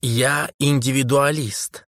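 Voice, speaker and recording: A man reading an audiobook, voicing a cold, contemptuous male drama critic in a slow, lowered, disdainful voice. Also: steady tone, fairly bright tone, no echo, clean studio sound. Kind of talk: audiobook character voice.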